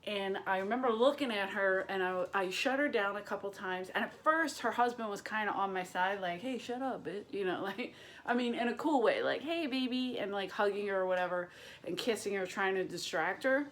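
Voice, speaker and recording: A woman's voice: mid-range voice, brisk. A woman stand-up comedian telling a story to her propped-up camera at home, casual and profane, acting out the voices of the people in it. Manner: profane, animated storytelling with acted-out quotes. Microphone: camera propped on boxes and books.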